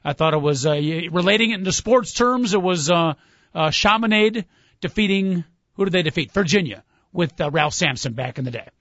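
A man's voice: high-pitched, animated, a little fast, fairly bright tone, dry recording, dull audio. A man hosting a sports talk show with wry, joking banter.

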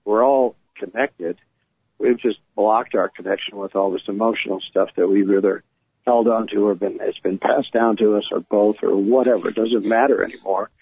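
Gravelly, low-voiced man on a phone-like line. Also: fairly even intonation, normal speed. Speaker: guest energy healer leading a guided relaxation. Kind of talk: spoken guided meditation with casual explanation. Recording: thin, phone-like narrow-band sound.

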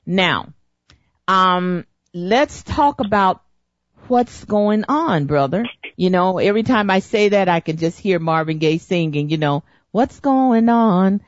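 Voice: mid-range voice, unhurried, no room sound. A middle-aged host on a talk broadcast, rambling and searching for words as they speak. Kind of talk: casual radio talk. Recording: dull lo-fi recording.

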